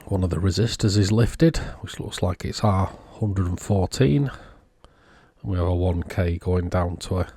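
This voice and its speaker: A man giving casual, unhurried technical commentary, thinking aloud as he inspects a circuit board. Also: deep voice, mellow, breathy edge, dry recording. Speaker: electronics repair vlogger.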